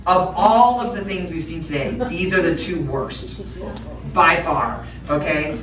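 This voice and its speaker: A middle-aged woman explains things to children in plain, simple language, often checking in with questions. She is picked up from a distance in a very echoey room, with clear background noise. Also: fairly low pitch, animated, unhurried. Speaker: public health educator presenting to children. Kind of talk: interactive educational talk, explaining to children.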